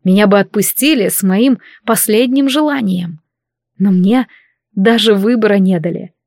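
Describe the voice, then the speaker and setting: A woman's voice: mid-range voice, moderate pace, darkish tone, no echo. Woman narrating a fantasy audiobook, dry.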